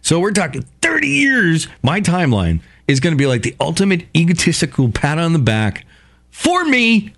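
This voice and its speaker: A male radio host talking in a casual monologue, profane, excitable and rambling. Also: on the high side, normal speed.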